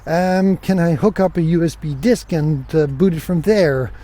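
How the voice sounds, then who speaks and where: Hosting a solo podcast, a man tells stories in a loose, chatty way, acting out the dialogue he remembers. His voice sits on the high side, with a warm tone and a normal pace.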